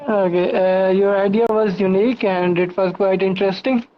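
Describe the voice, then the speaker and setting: Casting: female audience member, medium-pitched, putting simple questions over a slightly muffled call. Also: fairly even intonation, normal speed. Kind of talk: informal online question-asking. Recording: dull online call audio.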